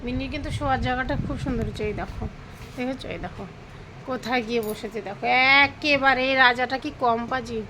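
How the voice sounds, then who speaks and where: A woman's voice: high-pitched, fast, noisy background. A woman vlogging about her pets at home, talking to viewers as friends and cooing sweetly to the animals. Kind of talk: casual pet vlog narration.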